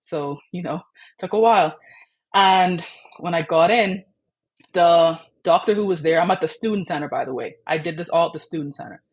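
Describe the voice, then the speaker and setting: Speaking at an ordinary pace in a husky, lowish voice, a young woman from the Bahamas chats openly about her experience as a patient, sprinkling in plenty of "like" and "you know" fillers.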